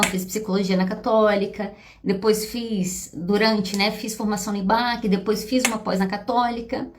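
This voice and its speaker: A woman's voice: mid-range voice, slight background noise. A Brazilian woman, a psychologist hosting a podcast, talking casually and confidingly to her listeners. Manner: chatty, confiding, addresses listeners as "gente". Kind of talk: casual personal talk to listeners.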